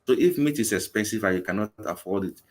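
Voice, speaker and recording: A man in his forties with a Nigerian English accent, earnest and repetitive as he speaks over a video call. His voice sits fairly low. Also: lively intonation, fast talker. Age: 40s. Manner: earnest, repeats words often. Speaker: guest, vegan campaign organizer. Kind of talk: live interview.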